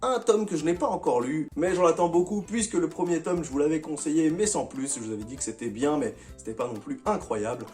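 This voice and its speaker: A man's voice: fairly high pitch, expressive, brisk, hardly any pauses, darkish tone, soft background music. A man talking casually and enthusiastically to his viewers as he reviews his monthly manga picks, with slangy, chatty phrasing.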